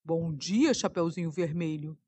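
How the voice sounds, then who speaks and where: A woman voicing a sly, hungry male wolf with a gruff, booming manner in a storybook reading. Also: measured pace, mellow.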